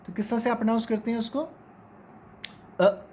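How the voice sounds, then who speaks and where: A man's voice: extremely high pitch, fairly even intonation, dark tone, a little hiss or hum. A man teaching English phonetics in a recorded lecture, drawing out and repeating each vowel sound and example word aloud. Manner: slow, repeats sounds and words aloud to demonstrate them.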